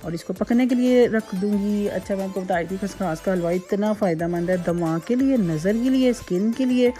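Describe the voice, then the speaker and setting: A woman talks through a recipe in her home kitchen. Her voice is mellow and unhurried, and she rambles in a chatty, repetitive way. Soft music plays faintly behind her. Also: medium pitch. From Pakistan. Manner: chatty, repetitive, homely asides. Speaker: cooking channel host. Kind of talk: casual home cooking tutorial.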